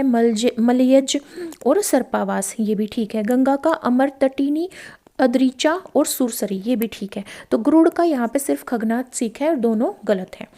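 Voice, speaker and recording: Woman teacher, high and mellow voice, exam-prep tutorial, self-questioning, repeats key terms. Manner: explanatory, asks questions then answers them; repeats key words, mixes in English phrases. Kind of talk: exam-prep lesson explaining past paper questions.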